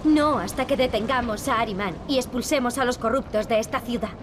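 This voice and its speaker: This is dubbed adventure game dialogue: a Spanish-accented actress (Spain) plays an earnest, resolute young princess with a dry wit and a determined streak, her tone grave. She delivers the lines fairly quickly in a fairly high voice, lightly acted, with background noise and music under the voice.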